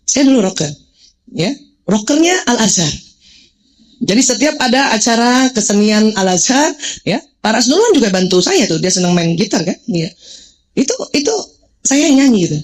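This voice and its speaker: Animated woman giving a playful religious talk. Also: on the high side, moderate pace, pauses often, poor audio. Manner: playful, jokes and quizzes the audience. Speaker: religious parenting speaker. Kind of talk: lively religious talk to mothers.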